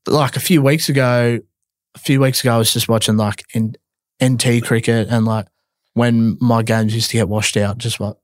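A man's voice: medium pitch, steady tone, normal speed, no echo, clean studio sound. An Australian man from Victoria, a podcast guest talking casually and rambling with lots of fillers. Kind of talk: casual chat.

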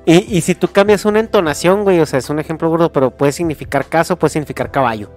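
A man's voice: fairly high pitch, quick pace, darkish tone, faint music behind. A man with a Mexican accent hosting a podcast, chatting casually in a profane, slangy, argumentative way. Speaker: podcast host.

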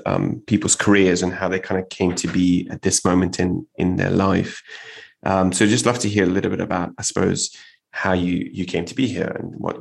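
A man's voice: low-pitched, creaky. A man hosting a podcast interview, chatty and upbeat, with many fillers. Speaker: podcast host.

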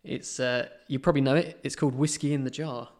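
Mid-pitched man, halting podcast chat. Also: fairly even intonation, darkish tone. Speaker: podcast co-host. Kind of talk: casual chat.

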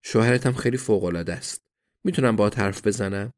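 A man's voice: on the low side, dry recording, clean studio sound, natural voice. A man voicing an earnest, plain-spoken Eastern European man in an audiobook, speaking in a direct way.

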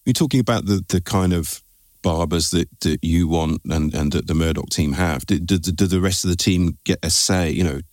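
A man's voice: deep voice, moderate pace, a little mellow, no room sound, studio quality. A man hosting a conversational interview, agreeable, feeling out his phrasing with repeated words. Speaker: interviewer, podcast host.

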